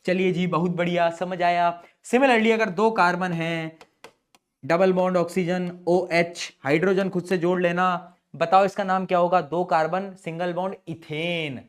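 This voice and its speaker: A young adult man teaching chemistry in a playful, chatty way, joking with his students. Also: high voice. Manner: playful, chatty, calls students beta and bhai. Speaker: chemistry tutor. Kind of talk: chalkboard-style lesson explanation.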